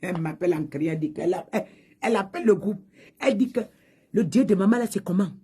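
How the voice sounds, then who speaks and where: A woman pastor preaching a sermon, telling a testimony with loud high exclamations and low hushed asides. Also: quick pace. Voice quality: husky.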